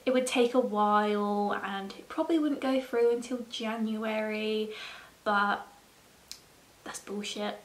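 A woman's voice: a little high, a bit bright. A woman vlogging to her viewers in a casual, chatty way, swearing freely and laughing often. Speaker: YouTuber. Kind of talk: casual vlog chat. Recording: roomy echo.

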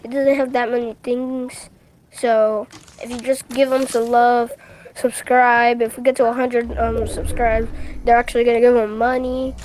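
A young gaming channel host chatting casually and playfully, with giggles and loud bursts. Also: female voice, fairly high pitch, flat delivery, moderate pace, low-quality recording. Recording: music playing behind.

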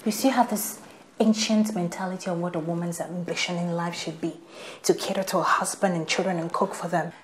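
A woman's voice: lowish voice, fairly even intonation, a little fast, slight background noise, lightly acted. An actress with a Nigerian accent playing a busy young married woman, defensive and exasperated with her mother. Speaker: young wife. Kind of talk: film acting.

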